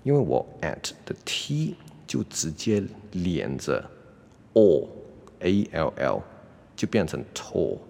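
A man giving a casual English lesson, constantly checking in with a quick "OK?" and slowly sounding out example phrases. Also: extremely low pitch, huge pitch swings, gravelly, darkish tone, big-room sound. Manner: demonstrates English pronunciation slowly. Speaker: English teacher. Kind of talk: casual YouTube language lesson.

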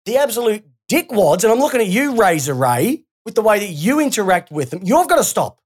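An Australian woman co-hosting a sports podcast, her pitch leaping up and down as she rants. She talks in a loose, sweary, heated way, piling on blunt complaints. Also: fairly quick, slightly rough. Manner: animated, ranting, sweary. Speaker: podcast co-host. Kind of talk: casual sports podcast rant.

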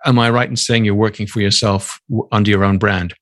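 A man hosting an interview, asking long questions in a measured way. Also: lowish voice, fairly even intonation, no room sound, studio quality. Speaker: podcast host.

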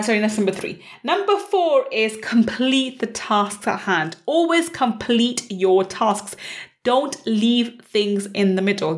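A woman with a croaky, slightly hoarse voice, hosting a motivational podcast in an earnest, emphatic way and repeating key phrases. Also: mid-range voice. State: croaky voice, not as clear as usual. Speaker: podcast host and mindset mentor.

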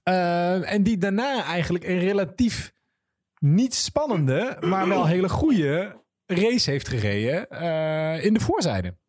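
Slightly high-voiced man analysing a race. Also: big pitch swings, takes it slowly, darkish tone, no room sound, clean studio sound. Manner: thoughtful, hesitant starts, many ehms. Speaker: podcast co-host. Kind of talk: casual motorsport analysis.

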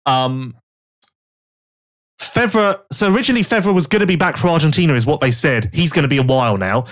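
A man's voice: fairly high pitch, brisk. A man, hosting a podcast and chatting casually with gossipy storytelling. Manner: gossipy, animated storytelling with put-on quoted voices. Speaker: podcast host. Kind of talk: casual chat.

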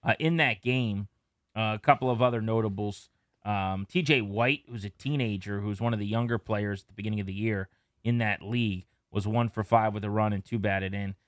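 A man with a fairly low voice co-hosts a casual sports podcast. He is chatty and relaxed as he runs through stats, and the sound is dry and close. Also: a little fast, dry recording. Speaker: podcast co-host.

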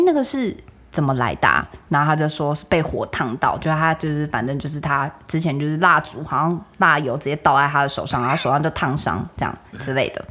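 A young woman with a Taiwanese Mandarin accent, co-hosting a casual chat podcast and acting out the lines she quotes. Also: low-pitched. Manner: animated, acts out quoted lines. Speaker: podcast co-host. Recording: steady background noise.

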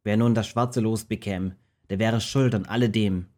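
A man reading a rhymed children's Bible story aloud with a steady, rhythmic verse delivery. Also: on the low side, normal speed.

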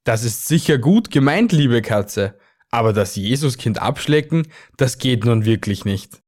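A man's voice: medium pitch, expressive, measured pace, darkish tone, close to an everyday voice. A man playing a kind, caring male archangel in a children's Christmas story, speaking in a friendly, encouraging way.

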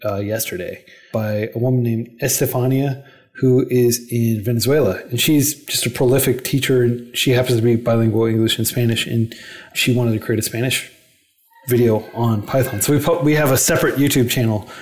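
Earnest man explaining at quick pace. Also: medium pitch, fairly even intonation, darkish tone. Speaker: podcast guest, non-profit founder. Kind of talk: casual podcast interview.

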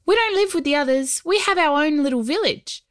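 A woman voicing a tiny, gravelly male stone goblin in a storybook reading, polite but cheeky. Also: high-pitched, lively intonation, fairly quick, pitched above the performer's own voice. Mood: friendly.

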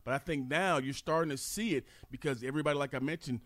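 A man's voice: a little high, quick pace, fairly bright tone, dry recording. An American man, a former player and podcast co-host, explaining his view in long earnest runs. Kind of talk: casual sports podcast chat.

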